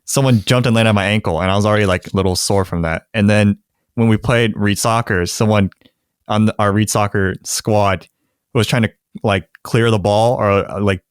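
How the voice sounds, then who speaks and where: Laughing, low-voiced young man. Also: smooth, no room sound, clean studio sound. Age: young adult. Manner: laughs often, animated storytelling. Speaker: podcast co-host. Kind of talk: casual chat.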